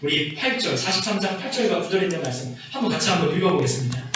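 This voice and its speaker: A man's voice: fairly high pitch, very animated, rapid-fire, a bit bright, soft background music. A man preaching a sermon as pastor, earnestly stressing his points. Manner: earnest preaching, voice rising and falling with emphasis. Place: church sanctuary. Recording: echoey church hall from far off.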